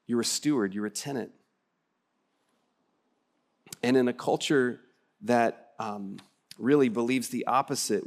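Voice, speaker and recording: A man with a West Texas twang preaching a conversational sermon as a pastor, driving points home with repeated phrases and deliberate pauses. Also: mid-range voice. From West Texas, United States.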